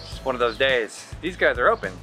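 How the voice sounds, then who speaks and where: Man, thirties, fast and bright, explains things with dry humor, selfie camera outdoors, faint music. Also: medium pitch, animated. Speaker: travel vlogger. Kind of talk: casual vlog narration. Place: outdoors on a sunny island street. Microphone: handheld camera at arm's length.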